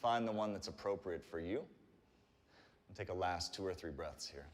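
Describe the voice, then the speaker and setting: A man giving calm, encouraging step-by-step instruction as he leads a guided stretching workout. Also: sits low, normal speed, a little hiss or hum. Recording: reverberant room with long echo.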